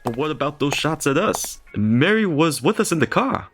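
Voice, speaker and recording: An actor playing a blunt, working-class limo driver who talks in gruff street slang in a comedy audio drama. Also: male voice, fairly high pitch, sing-song, normal speed, fairly bright tone, soft background music.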